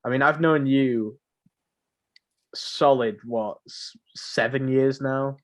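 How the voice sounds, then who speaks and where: A seventeen-year-old co-host of a podcast talks slowly in a medium-pitched voice, chatting casually about games. His style is informal, full of slang and jokes.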